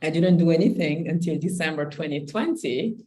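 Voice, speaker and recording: A woman's voice: deep voice, fairly quick, darkish tone, low-quality recording. Reflective woman from Senegal, candid chat. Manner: reflective, restarts phrases, laughs lightly. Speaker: podcast co-host.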